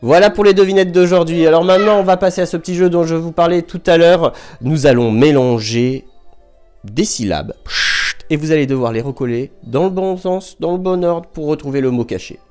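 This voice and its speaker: A man who is a primary school teacher, giving a remote lesson to young children at home, speaking slowly and clearly, sounding out syllables and counting down before each answer. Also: fairly high pitch, a little mellow, soft background music. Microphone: microphone in front of a camera.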